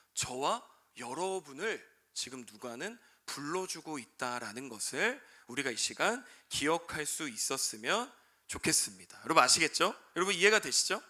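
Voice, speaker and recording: Speaking to high school students, a young youth pastor in his twenties preaches with a pushed, bright voice. He keeps calling to his listeners and supplies answers to his own questions.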